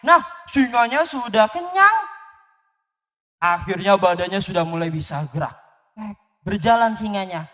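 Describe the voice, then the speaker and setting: A woman tells a children's story slowly and clearly, pausing to put questions to the young listeners. Her voice is bright and forceful. A long hall reverb hangs on every line. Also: mid-range voice. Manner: animated, asks the children questions. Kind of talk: storytelling for children at a live event.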